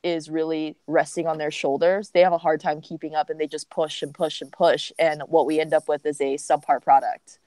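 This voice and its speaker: A woman with a very low voice joins a livestream over a remote call, and her sound is dry and close. She gives frank opinions and thinks aloud with many pauses and fillers. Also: level tone, darkish tone, no room sound. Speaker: guest co-host. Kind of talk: casual livestream chat.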